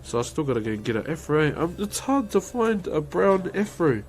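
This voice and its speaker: A man's voice: fairly high pitch, big pitch swings, brisk, noisy background. Laid-back man with a broad New Zealand accent. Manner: laid-back and colloquial, peppering talk with "bro" and "eh". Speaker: live streamer. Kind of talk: casual chat answering viewer questions.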